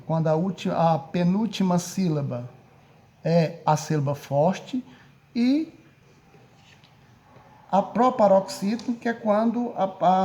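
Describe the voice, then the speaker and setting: Patient Brazilian teacher, high mellow voice. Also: male voice. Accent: Brazilian Portuguese. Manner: patient, repeats and checks with "certo?". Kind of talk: recorded lesson for adult education students.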